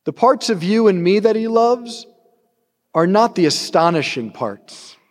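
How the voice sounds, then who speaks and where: High-voiced priest preaching in reverberant church. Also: male voice, unhurried. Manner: conversational, animated preaching with acted-out quotes. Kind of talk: sermon.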